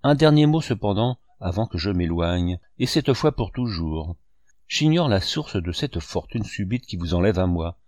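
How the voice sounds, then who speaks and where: A man's voice: low-pitched, animated, moderate pace, a little mellow, dry recording, clean studio sound. A man reading a novel aloud, voicing a heartbroken and bitter young male artist. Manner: emotional, bitter.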